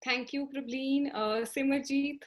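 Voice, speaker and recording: A woman's voice: high-pitched, fairly even intonation, a little slow, rough recording. A young woman moderating a panel in a conversational, reflective way. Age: young adult. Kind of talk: casual panel discussion.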